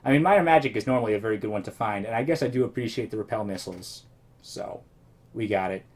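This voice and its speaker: A let's play host with a lowish voice speaks at a quick pace, rambling and musing aloud as he plays. He is slightly losing his voice, which sounds a bit worn.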